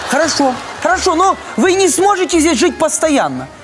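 A man's voice: very high-pitched, sing-song, moderate pace, over music. An actor playing an exasperated young landlord in a comedy sketch, a man pleading and sarcastic as he haggles. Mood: frustrated. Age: young adult. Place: outdoor courtyard.

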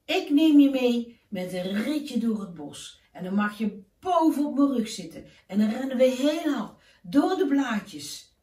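A woman's voice: on the high side, animated, a little slow, mellow, pitched above the performer's own voice. A woman doing a friendly, generous elk. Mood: enthusiastic. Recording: roomy, distant from the mic.

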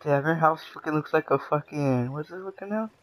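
A young man playing a survival game with a friend, excitable and swearing, laughing often. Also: fairly high pitch, fairly quick, dry recording, poor audio. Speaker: gamer. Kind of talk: casual gaming commentary.

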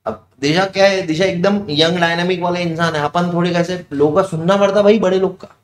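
A young man teaching with a fairly high voice. He talks to the class in a loose, chatty way and often asks a question and then answers it. The room has a lot of echo. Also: steady tone, brisk, slight background noise. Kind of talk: casual classroom digression. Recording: echoey room.

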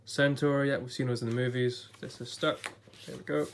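A man's voice: medium pitch, flat delivery, moderate pace, vocal fry, a little hiss or hum. A man, a little off-voice while getting over an illness, flipping through an illustrated book in a casual vlog, chatty and thinking aloud. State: voice a bit off from recent illness. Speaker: YouTuber reviewing a book. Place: indoors at a table before a blue backdrop.

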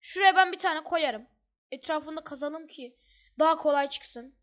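A woman's voice: high-pitched, normal speed, a bit bright. A woman giving casual, chatty gameplay commentary as she plays, thinking aloud with slangy asides. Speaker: gamer. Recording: dull lo-fi mic.

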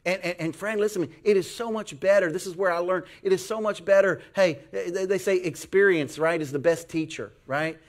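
A middle-aged American man preaching a folksy, animated sermon as a pastor, acting out voices in his stories. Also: high-pitched, fairly quick, few pauses. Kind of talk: sermon with storytelling.

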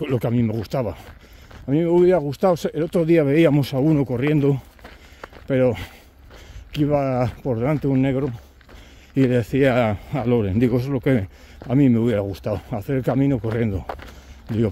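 Mellow-voiced man telling trail stories. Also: mid-range voice, brisk, a little hiss or hum. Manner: chatty anecdote-telling, chuckling, acting out companions' lines. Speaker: pilgrim vlogger. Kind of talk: casual storytelling to camera while walking. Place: outdoors on a rural walking trail.

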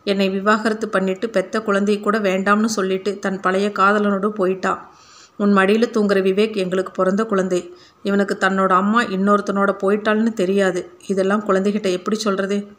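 A woman's voice: mid-range voice, flat delivery, normal speed, lightly acted. A woman narrator reading the lines of a troubled father who speaks earnestly and pleadingly.

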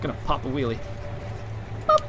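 A young man hosting co-op gameplay, hyper and jokey, squealing and shouting callouts. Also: medium pitch, huge pitch swings, normal speed. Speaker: gaming channel host. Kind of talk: excited co-op gameplay commentary. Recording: game noise audible behind voice.

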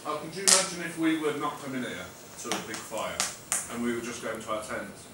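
Brief: joking hiker, male, mid pitch, recorded from afar in a very echoey stone shelter. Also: a little fast, very noisy. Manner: jokey, laughs often. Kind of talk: casual chat. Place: dark stone bothy, indoors. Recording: echoey stone room from far off.

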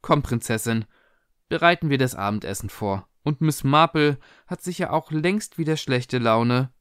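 Man playing a gentle, protective father. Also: medium pitch, expressive, normal speed, clear, resonant tone, no room sound, studio quality, natural voice. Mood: reassuring. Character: concerned middle-aged father, gentle and protective.

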